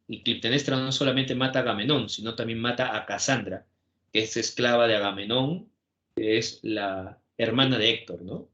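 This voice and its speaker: A male teacher giving an animated classroom lecture, constantly adding tag questions to check his listeners follow. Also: medium pitch, moderate pace, highs cut off.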